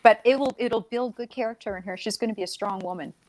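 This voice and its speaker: Earnest woman with a slightly high voice. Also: fast, a little mellow. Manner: earnest, affirming. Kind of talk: casual chat.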